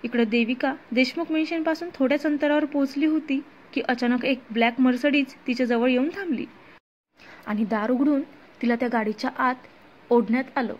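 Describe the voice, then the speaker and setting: A woman storyteller narrating a romantic drama in an expressive, dramatic way. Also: high-pitched, brisk, lo-fi sound.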